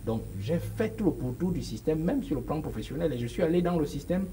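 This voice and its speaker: A man's voice: a little high, animated, fast talker, warm tone, slight background noise, poor audio. A man in his forties with a Cameroonian French accent, a guest speaking emphatically in a studio interview, with frequent hesitations. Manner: emphatic, gestures while speaking, many hesitations. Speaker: political guest. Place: small studio set with sofas. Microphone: lapel.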